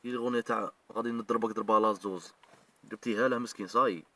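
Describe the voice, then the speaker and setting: Algerian guy ranting fast, low tense voice, a bit far from the mic. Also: fairly even intonation, bright, forceful tone, slight background noise. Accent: Algerian Arabic. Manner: emotional, scolding, addresses people directly. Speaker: online commentator. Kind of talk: heated video rant.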